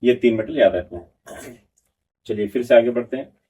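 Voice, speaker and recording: Husky-voiced man teaching, slightly off-mic. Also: mid-range voice, mellow, far from the mic. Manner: reads English notes slowly, then explains in Hindi; asks the class questions and answers them himself. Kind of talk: exam prep lecture.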